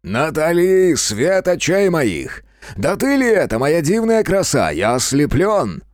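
A man putting on a brash booming young guy. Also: very animated, moderate pace, darkish tone, dry recording, clean studio sound. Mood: boisterous. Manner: booming, boisterous.

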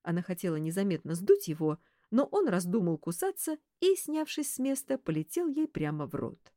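A woman narrating an audiobook in an expressive, animated way. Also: lowish voice, normal speed, dry recording, clean studio sound. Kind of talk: audiobook reading.

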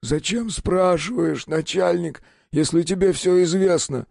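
A man voicing a frightened drunk peasant witness in an audiobook, with rough, folksy common speech. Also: sits high, unhurried, a little mellow, no echo, clean studio sound, pitched above the performer's own voice, full character voice. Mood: wary. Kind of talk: audiobook character voice.

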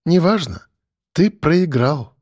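A man voicing a sharp-tongued female investigator who teases quietly. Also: fairly high pitch, animated, takes it slowly, dry recording, clean studio sound, pitched above the performer's own voice. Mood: teasing. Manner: quiet, teasing.

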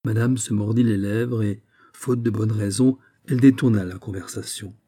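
A man narrating a classic novel as an audiobook, in measured, expressive storytelling. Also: fairly low pitch.

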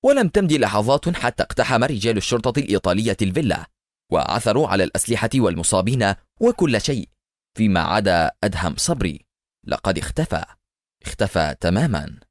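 A man's voice: lowish voice, sing-song, fast talker, no room sound, studio quality. A man narrating a storybook in a dramatic, scripted reading. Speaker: audiobook narrator.

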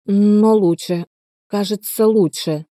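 A woman's voice: medium pitch, takes it slowly, mellow, dry recording, studio quality, natural voice. A woman voicing a sickly, spoiled young man who complains weakly and childishly. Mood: weak frightened.

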